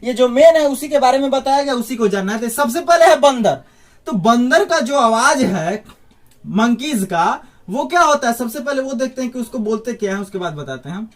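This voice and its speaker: A man's voice: very high voice, expressive, fairly quick, hardly any pauses. A man giving an informal spoken lesson, chatty, with joking asides and questions put to the listener. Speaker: teacher.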